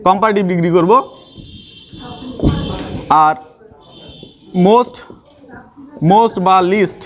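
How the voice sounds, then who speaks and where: Male teacher, high-pitched, patient step-by-step grammar explainer. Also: extremely slow. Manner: explains step by step, repeats key terms and quizzes the viewer. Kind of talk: classroom-style grammar lesson.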